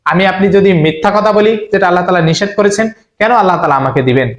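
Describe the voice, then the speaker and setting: A man preaching with earnest, repetitive instruction, speaking straight to the listener. His voice sits a little high, and the room around him rings with echo. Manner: slow chanted Arabic recitation. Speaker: Islamic preacher. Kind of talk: religious instruction video.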